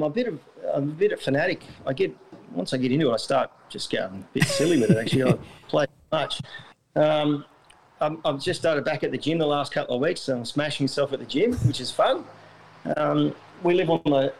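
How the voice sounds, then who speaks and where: A man's voice: on the high side, vocal fry, darkish tone, a little hiss or hum, rough recording. A middle-aged Australian man, a retired jockey, chatting in an interview with lots of fillers and restarts. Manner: rambling, self-correcting, many fillers. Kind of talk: casual interview.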